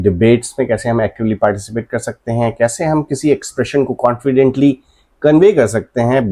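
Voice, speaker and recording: A man's voice: medium pitch, dark tone. An Indian man teaching English in Hindi as a casual lesson, explaining step by step and often checking in with "alright?". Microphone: voice-over over a screen presentation.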